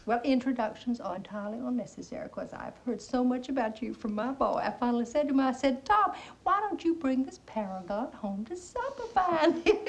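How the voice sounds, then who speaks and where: In a stage play, an actress plays a middle-aged, faded Southern belle mother, genteel and nostalgic, chattering in an American Southern accent with theatrical laughs. Her voice is high-pitched, and there's a little hiss or hum.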